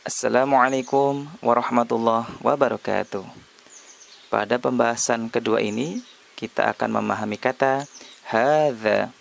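A man teaching an Arabic lesson, repeating each word slowly and spelling out the letters. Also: mid-range voice, creaky. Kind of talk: slow, deliberate lesson narration.

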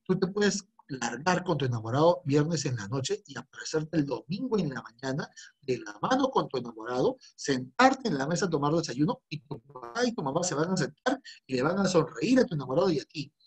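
A middle-aged man teaching a lively online class. His voice is husky, and his pitch jumps widely as he teases and scolds his students. It sounds like a video call. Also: a little fast. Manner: teasing, joking, scolding students. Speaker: history teacher.

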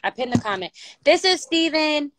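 A woman's voice: high voice, lively intonation, moderate pace, a bit bright. A woman hosting a casual phone livestream, playful and teasing as she chats with her guests. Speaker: livestream host.

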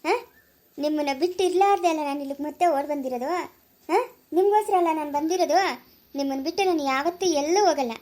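A woman's voice: high-pitched, fast, pauses often, dark tone, close to an everyday voice, poor audio. A young woman playing a soothing loving daughter. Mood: anxious. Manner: soothing, reassuring, repeating herself. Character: loving young daughter comforting her parents. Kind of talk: family short drama acting.

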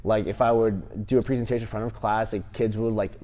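A man in his thirties, a gym owner, answering interview questions with animated stories and lots of fillers, on a lapel mic in a large gym. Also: fairly low pitch, quick pace. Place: large empty gym, indoors.

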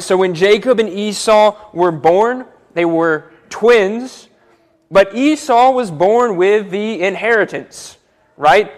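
A young man preaching a sermon from a church pulpit, earnest and repeating words as he builds each point. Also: high voice. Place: church auditorium, speaking from a pulpit. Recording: church hall with long reverb.

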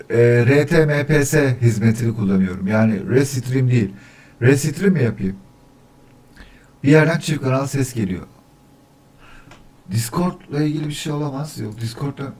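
A man's voice: medium pitch, a little mellow. Male streamer, casual and chatty; counts weekdays for mic checks and gets irritated with his setup. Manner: easily annoyed, grumbling about echo. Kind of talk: casual livestream chat.

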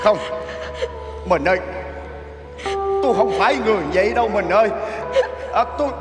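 A stage actor playing a grieving old grandfather in Vietnamese reformed opera, pleading in drawn-out, wailing sung lines. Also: high voice, lightly acted. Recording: reverberant stage with loud music.

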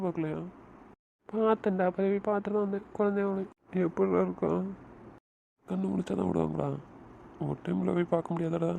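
A man's voice: high-pitched, gravelly, dark tone, a little hiss or hum. A man voicing both friends in an emotional audio drama, talking in a comforting and pleading way.

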